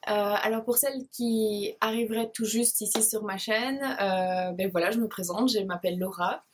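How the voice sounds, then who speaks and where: Speaking at a normal pace with fairly even intonation, this medium-pitched twenties vlogger from Liège, Belgium, carries a Belgian French accent. She's a shy beauty blogger answering viewers' questions on camera, faltering through fillers and restarts. A little hiss or hum sits in the audio.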